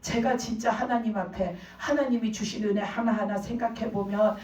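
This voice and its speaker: A woman's voice: medium pitch, fairly even intonation, moderate pace, a little mellow. A middle-aged woman giving an earnest personal testimony at a worship service, acting out her own prayers as she tells the story. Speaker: church member giving testimony. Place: church sanctuary. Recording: echoey, distant, dull church recording.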